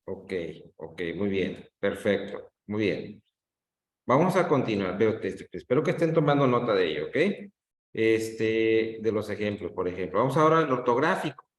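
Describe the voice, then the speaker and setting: A man's voice: on the low side, sing-song. A man teaching an online class, drawing out words to show the stressed syllable and often checking in with "¿sí?". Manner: drawn-out demonstrations of stress, frequent checks with "¿sí?". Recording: roomy echo.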